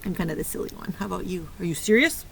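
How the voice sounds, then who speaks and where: Her voice is lowish and husky with vocal fry, and she races along. She's a preschool teacher leading a children's lesson of sung fingerplay rhymes, keeping it playful and sing-song.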